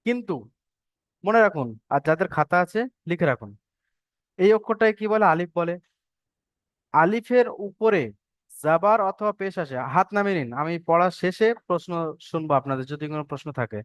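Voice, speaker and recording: High, clear-voiced man teaching reading. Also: expressive, fairly quick, pauses often, no room sound, clean studio sound. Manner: patient, repeats points and drills pronunciation. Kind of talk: online Arabic letter-reading lesson.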